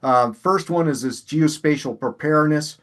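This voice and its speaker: A man's voice: on the high side, moderate pace. A man chairing a committee meeting over a video call, chatty and folksy, poking fun at his own talking. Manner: folksy, chatty, self-deprecating. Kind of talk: casual meeting presentation.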